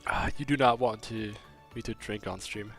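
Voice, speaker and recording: Faint music plays behind a young man from Germany whose fairly low voice keeps a moderate pace. He talks casually on his game stream, reads chat, and keeps restarting a meandering story, with a slight German accent.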